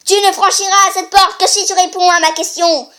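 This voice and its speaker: A young girl voicing a menacing sphinx creature that croaks and shrieks its threats, loud and high. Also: steady tone, moderate pace, very noisy.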